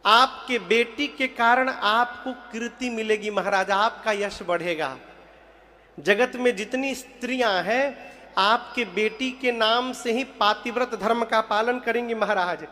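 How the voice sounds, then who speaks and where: A man's voice: high-pitched, a little slow, sharp tone. A man preaching a devotional story sermon, telling stories, quizzing his listeners and singing short verse lines. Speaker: katha preacher.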